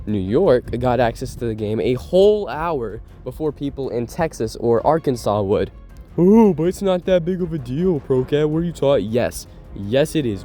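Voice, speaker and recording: Congested male gaming commentator, lively sarcastic rant, warm dark tone, faint music under. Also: medium pitch. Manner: animated, sarcastic ranting. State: sick, congested voice. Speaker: gaming YouTuber.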